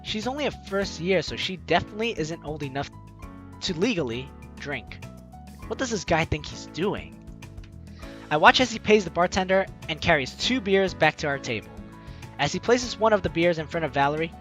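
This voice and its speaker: A higher-voiced, animated man hosts a let's play, reading a visual novel aloud with playful asides. He's expressive and acts out reactions at a moderate pace, with game music playing under his voice.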